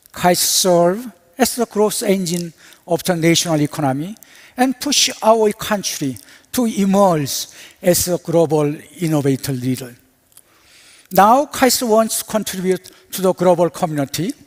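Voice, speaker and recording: A man, a university president, giving a measured, ceremonial welcoming speech on a symposium stage. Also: sits high. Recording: long reverb of a hall.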